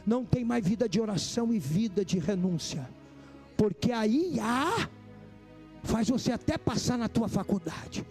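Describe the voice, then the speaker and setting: A man, preaching a sermon as pastor, with fervent delivery that climbs to shouting. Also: high-pitched, normal speed, hardly any pauses, soft background music.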